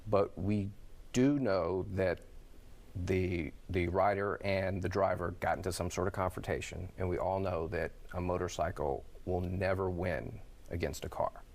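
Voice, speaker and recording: A man with a deep voice and plenty of vocal fry, speaking as a safety advocate in an interview. He gives his advice in a measured, slightly halting manner. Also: steady tone, darkish tone. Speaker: motorcycle safety advocate guest. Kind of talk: interview commentary.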